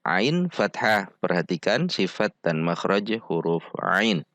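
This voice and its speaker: Slow, deep-voiced man teaching. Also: very animated, a bit bright, no echo. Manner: patient, repeats syllables slowly for practice. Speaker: Quran recitation teacher. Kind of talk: slow step-by-step pronunciation lesson.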